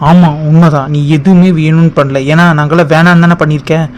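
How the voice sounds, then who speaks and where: A man's voice: fairly high pitch, steady tone, fast talker, a little mellow, a little hiss or hum, natural voice. A man voicing an angry, betrayed young man who scolds and reproaches in a cartoon drama. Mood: reproachful.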